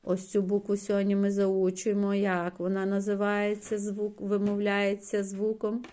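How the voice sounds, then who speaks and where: A woman's voice: medium pitch, completely flat delivery, normal speed, mellow. A woman teacher giving a patient one-on-one reading lesson to a child, coaxing and praising often and stretching out letter sounds.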